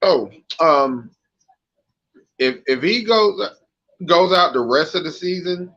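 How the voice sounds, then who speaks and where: A man with a fairly high, bright, forceful voice trades sports takes in a relaxed, colloquial way, often stumbling over repeated words. His sound comes through dull and lo-fi. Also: a little slow. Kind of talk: casual sports talk.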